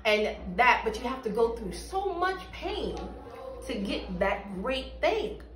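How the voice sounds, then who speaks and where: A woman speaks slowly in a fairly high voice with big pitch swings, offering an earnest, emphatic church testimony in an interview. She's seated in a small bare-walled room, recorded from a distance with echo and a noisy background.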